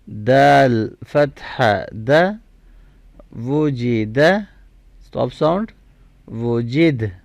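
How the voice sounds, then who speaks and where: A male Quran teacher whose first language is Urdu, spelling out letters and vowel marks one syllable at a time in a slow, deliberate drill. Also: medium pitch, gravelly, a little mellow, no room sound.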